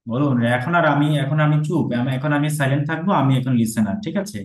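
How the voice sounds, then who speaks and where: Man teaching pronunciation in an echoey room. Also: medium pitch. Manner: drills words slowly, repeating them, asks checking questions. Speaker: Sanskrit teacher. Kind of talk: online pronunciation lesson.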